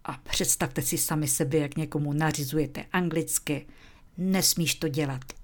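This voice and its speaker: A woman teaching English, speaking slowly and clearly, and sometimes dropping into a whisper to model phrases. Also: deep voice, fairly even intonation. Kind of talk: slow, deliberate language lesson.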